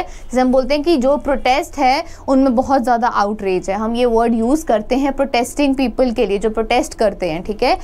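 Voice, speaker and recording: Woman teacher w a jammu indian english accent, highish voice, drills vocab, slows right down on english words. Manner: explains in Hindi mixed with English, asks and answers her own questions; slows down to pronounce English words for students to repeat. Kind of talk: recorded exam-prep lecture. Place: classroom with a board.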